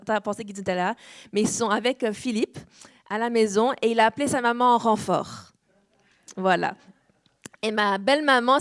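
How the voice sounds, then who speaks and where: A French guest pastor in her thirties preaches in a church hall with an easy, warm, earnest manner. Her voice is on the high side, and her light French accent shifts slightly. She fills her sermon with frequent "amen," "euh," and little pauses.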